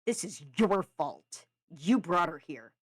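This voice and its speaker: A woman voicing a furious shouting young man. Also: sits low, normal speed, no echo, close to an everyday voice. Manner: shouting, accusing. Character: furious young man blaming his brother.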